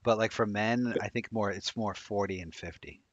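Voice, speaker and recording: Deep-voiced man reading betting odds. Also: no room sound. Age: 30s. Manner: quick, chatty, reads odds off a screen. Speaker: sports betting show co-host. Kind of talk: casual live-stream chat. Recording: dry, dull lo-fi mic.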